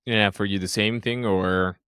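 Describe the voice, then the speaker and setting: Low-voiced Finnish man hosting an interview. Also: fairly even intonation, a little slow, a bit bright, clear, resonant tone, no echo, studio quality. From Finland. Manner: hesitant, repeats words while framing questions. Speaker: podcast host. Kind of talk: interview conversation.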